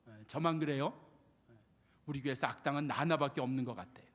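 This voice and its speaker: A male pastor preaching a sermon, firing rhetorical questions and answering them with repeated refrains, dropping at times to hushed asides. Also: medium pitch, quick pace. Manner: swings between loud emphasis and near-whispered asides. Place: church sanctuary. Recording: long church hall reverb.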